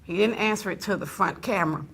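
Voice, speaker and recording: A woman's voice: medium pitch, quick pace, gravelly, a bit bright, husky. A woman hosting a casual talk show, teasing her guest and laughing often as she talks.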